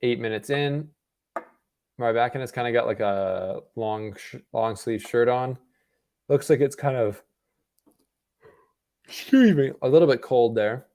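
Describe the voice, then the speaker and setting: Streaming from home, a young Canadian guy talks his viewers through a tennis match at a measured pace, leaving long pauses. His mid-pitched voice stays relaxed and conversational, with plenty of fillers, restarts, and self-corrections.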